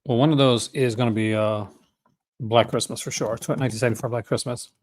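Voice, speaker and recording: A man with a Newfoundland accent hosts a movie-collecting vlog, chatting casually and off the cuff in a folksy, enthusiastic way. His voice is medium-pitched and steady, and he talks briskly.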